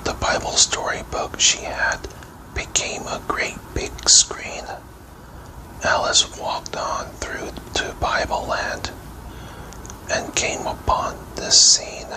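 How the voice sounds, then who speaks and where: Guy whispering a fairy tale bedtime story for kids, asmr, super slow, breathy and gentle. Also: poor audio.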